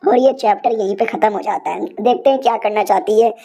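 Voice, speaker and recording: A woman's voice: mid-range voice, quick pace, mellow. A woman narrating a comic story in a chatty, slangy way. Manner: chatty, slangy, playfully voices characters. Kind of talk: casual comic story recap.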